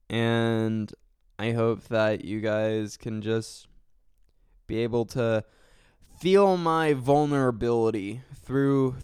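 A male podcast host chats on his own in an unhurried, rambling way, stumbling over words and filling gaps with ums. His voice is smooth and clear. The sound is dry, with no room around it. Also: medium pitch, no room sound. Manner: rambling, self-correcting, full of fillers; sincere and thankful. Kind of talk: casual solo podcast talk.

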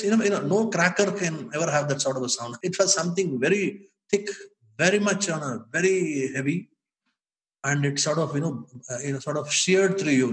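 An older man with an Indian accent telling memories in an animated, emphatic, conversational way, often addressing the listener as sir. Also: fairly high pitch, poor audio. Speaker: former bank inspector telling memories. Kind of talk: conversational storytelling.

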